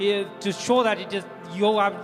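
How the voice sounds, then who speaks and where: A man's voice: high-pitched, drawn-out words. A man interpreting a sermon into English line by line, hesitant with fillers. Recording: reverberant church hall with music.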